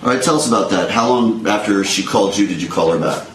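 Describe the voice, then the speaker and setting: Low-voiced attorney questioning a witness. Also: male voice, a little hiss or hum. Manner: measured, leading questions. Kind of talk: courtroom questioning. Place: courtroom. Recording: echoey courtroom audio from a distant mic.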